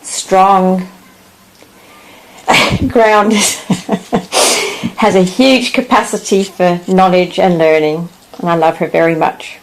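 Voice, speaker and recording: A woman's voice: on the low side, fairly even intonation, slow, poor audio. A middle-aged woman, mother of the bride, giving a heartfelt tribute for a wedding video.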